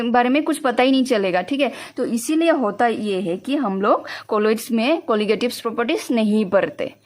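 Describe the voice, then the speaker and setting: Young woman, high-ish voice, lecturing in Hindi-mix, quizzes the class herself. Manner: explains in Hindi mixed with English, asks students questions and answers them herself. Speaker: chemistry teacher.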